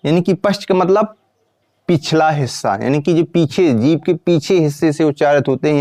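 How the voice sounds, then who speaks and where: A man teaching a grammar lesson, asking questions and answering them himself, repeating each point and sounding out vowels slowly. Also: fairly high pitch, a little mellow, no echo, clean studio sound.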